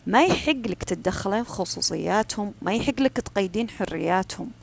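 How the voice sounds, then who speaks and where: A woman giving a calm, firm advice talk. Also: mid-range voice, fast talker, creaky. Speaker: self-help speaker. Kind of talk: advice talk on personal boundaries.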